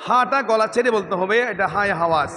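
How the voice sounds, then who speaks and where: A man teaching Quran recitation, chanting verses slowly and then explaining the pronunciation quickly while repeating sounds for his students. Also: sits high, sharp tone, in a large hall, a little hiss or hum. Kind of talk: tajweed lesson with chanted recitation.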